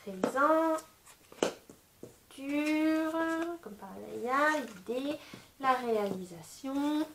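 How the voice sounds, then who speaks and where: A woman's voice: high-pitched, expressive, extremely slow, pauses often, noisy background. Chatty woman reading tarot, echoey room. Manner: chatty, many fillers like "voilà" and "euh"; gentle advising tone. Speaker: tarot reader.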